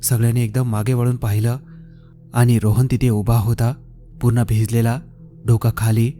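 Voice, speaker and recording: Dark-voiced male horror storyteller. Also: medium pitch, little pitch movement. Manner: slow, suspenseful reading. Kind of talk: scripted horror narration. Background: faint music.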